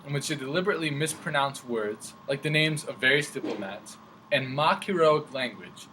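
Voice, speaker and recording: A man's voice: fairly high pitch, fairly bright tone, poor audio. A man presenting as a parody news anchor, reading a formal scripted commentary. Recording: faint background noise.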